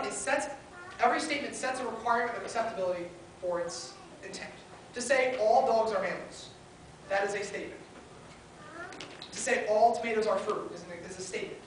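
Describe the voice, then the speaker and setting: A woman preaching a sermon at a pulpit microphone, earnestly building her points in short listed phrases. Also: a little high. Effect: spoken into a pulpit microphone. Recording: very echoey hall, heard from far off, faint hiss.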